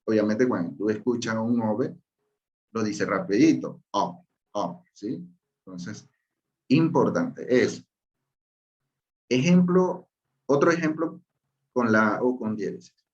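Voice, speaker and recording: A man's voice: lowish voice, lively intonation, takes it slowly, pauses often, highs cut off. A man teaching a language lesson, patiently explaining pronunciation, repeating key points and checking in with his listeners.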